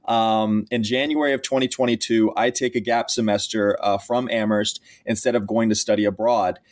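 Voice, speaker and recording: A man's voice: on the low side, fairly even intonation, normal speed. A young man in his twenties from Texas, a college athlete who is the guest on a podcast interview and tells his story earnestly, with frequent restarts. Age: 20s.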